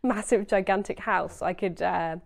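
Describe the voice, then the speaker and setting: A woman's voice: mid-range voice, normal speed, vocal fry. A woman, speaking earnestly and emphatically as a guest in a conversational interview, often saying "you know". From Essex, England. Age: 20s.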